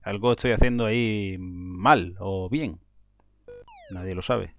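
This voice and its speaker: A man giving casual, excitable commentary while playing a video game, breaking into frustrated outbursts. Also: low voice, slow pace, vocal fry, faint music behind. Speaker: gaming video host.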